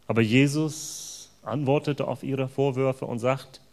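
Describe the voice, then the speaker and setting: A man preaching a sermon in an earnest, emphatic way, stressing words with sudden loud bursts. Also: medium pitch, steady tone, unhurried.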